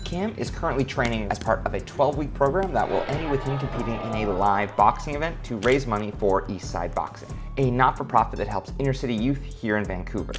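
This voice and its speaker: A young man narrating his fitness vlog in a scripted voice-over, upbeat and matter-of-fact. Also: fairly low pitch. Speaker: fitness vlogger.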